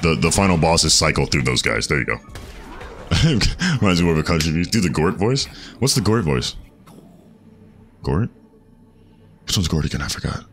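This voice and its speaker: A man streaming a game, chatting casually, reading chat aloud and thinking out loud. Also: a bass voice, expressive, normal speed, long pauses, slight background noise. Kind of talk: casual gameplay commentary.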